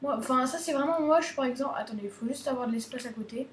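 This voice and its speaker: High-voiced woman, chatty gaming commentary. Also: quick pace. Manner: chatty and playful, many restarts, talks to viewers. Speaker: gaming video host. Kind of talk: casual game tutorial commentary. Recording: roomy echo, faint background hiss.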